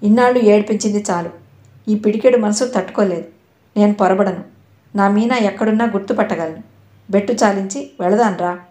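A lovesick, well-off young man begs and insists in this audio novel, voiced by a woman narrator. His voice is mellow and soft-edged. It sits in a roomy, echoing space. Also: mid-range voice, a little fast, lightly acted. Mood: pleading. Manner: pleading and insistent. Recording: roomy echo.

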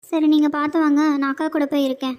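Cartoon little sister, anxious, hushed worried talk, very high mellow voice; voiced by a woman. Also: little pitch movement, fast talker, close to an everyday voice. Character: young girl, anxious younger sister.

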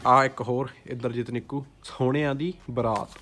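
A young man with a Punjabi accent vlogs from a small indoor room, chatting informally and mixing in English words as he shows off his collection to camera. His medium-pitched voice is a bit bright, fairly even in intonation and moderately paced, with faint music behind.

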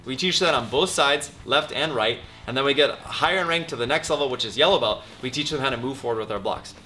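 A man's voice: medium pitch, fast, bright, forceful tone. A man in his thirties, a martial arts instructor, giving step-by-step instructions while demonstrating blocks. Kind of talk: technique demonstration. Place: martial arts studio, indoors.

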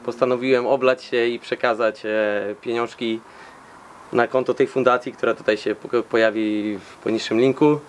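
A man's voice: medium pitch, level tone, normal speed. A Polish man speaking casually to camera, giving nominations for a challenge video. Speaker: challenge participant. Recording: noticeable ambient background noise.

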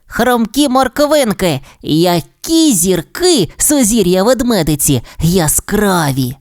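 A woman's voice: mid-range voice, expressive, moderate pace, a little mellow, no echo, clean studio sound, pitched above the performer's own voice, natural voice. A woman voicing a cheerful, proud young boy bunny in a children's audio storybook, bouncy and exclaiming.

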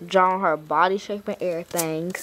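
A female vlogger talking in a chatty, slangy, animated way in a casual comedy video. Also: fairly low pitch, fairly quick, soft background music.

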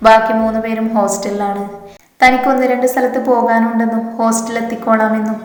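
A woman narrating a romance story in a steady, even storytelling manner. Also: on the high side, fast talker. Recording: echoey reverberant hall with music.

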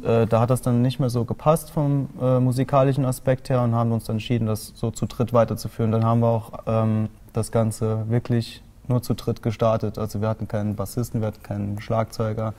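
A man's voice: mid-range voice, dark tone. A man in his twenties from Saarland, a band member explaining at length in a TV studio interview, with many fillers. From Saarland, Germany. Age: 20s. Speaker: band guitarist. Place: small TV studio with colored lights.

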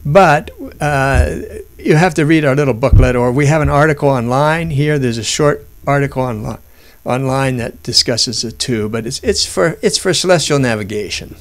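A man giving an informal lesson while looking through documents on screen, rambling with restarts and fillers. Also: mid-range voice. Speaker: instructor.

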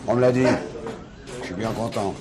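An actor playing a tired, evasive factory worker speaking in a subdued way, in 1970s TV drama style. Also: male voice, on the low side, moderate pace, natural voice. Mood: weary. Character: weary, guarded factory worker. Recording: noisy 1970s TV soundtrack.

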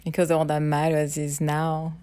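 A woman speaking softly and intimately, right in the listener's ear, guiding a tender visualisation for a partner. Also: low-pitched, monotone, moderate pace, no room sound. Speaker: guide of a self-love ritual.

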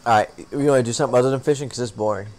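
A man's voice: medium pitch, rapid-fire, a little mellow, a little hiss or hum. A man hosting a casual game stream, laid-back and rambling, often chuckling. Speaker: streamer host.

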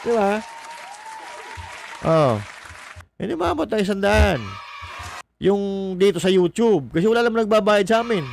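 A man's voice: high voice, lively intonation, moderate pace, gravelly, pauses often, slight background noise. Mocking combative man, faint crowd behind. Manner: mocking, combative, swears, laughs at own jokes; reads viewer comments aloud. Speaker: political commentary vlogger. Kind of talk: casual political commentary livestream.

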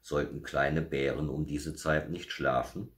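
A jolly, kindly old Father Christmas from a children's story, speaking softly and warmly, as a man puts him on. The voice is extremely deep and gentle. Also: steady tone, measured pace. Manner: warm, hushed and friendly.

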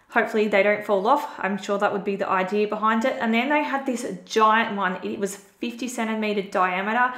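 Chatty woman, roomy sound. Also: medium pitch. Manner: chatty, relaxed, filler-heavy. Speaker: vlogger. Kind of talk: casual shop-with-me voice-over. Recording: roomy voice-over with faint music.

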